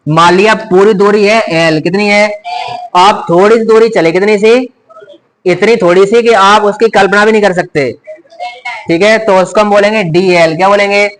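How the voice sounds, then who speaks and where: A man's voice: sits high, fairly bright tone, low-quality recording. A man teaching a physics lecture in speech, constantly asking the class rhetorical questions and repeating key terms.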